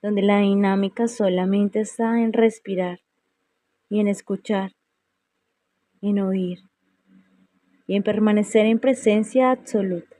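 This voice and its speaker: At a very slow pace, a woman with a medium-pitched voice guides a meditation. She sounds mellow, relaxed and unhurried, leaving long, serene pauses between phrases, and the recording is dry with no room sound.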